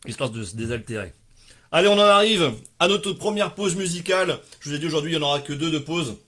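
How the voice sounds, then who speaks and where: A man's voice: a little high, lively intonation, fast, pushed and bright. A man hosting a casual live stream, joking, rambling and swearing offhandedly as he reads out viewers' answers.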